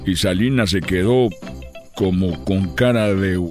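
A man's voice: sits low, unhurried, over music. A man telling jokes and breaking into silly sung bits, with a playful, absurd delivery. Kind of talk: comedic storytelling and silly singing.

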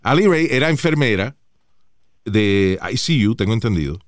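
A man's voice: mid-range voice, expressive, moderate pace, dry recording, clean studio sound. A man co-hosting a talk show, chatting casually while switching between Spanish and English and swearing freely. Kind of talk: casual bilingual chat.

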